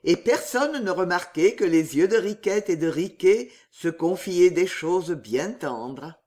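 Expressive woman storyteller. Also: on the low side, unhurried. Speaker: narrator. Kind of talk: literary story narration.

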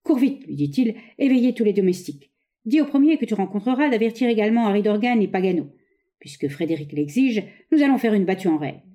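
A woman's voice: mid-range voice, expressive, fast, dark tone, pitched above the performer's own voice, lightly acted. A woman reading aloud, voicing an exasperated husband, a naturalist, in a plain, impatient way.

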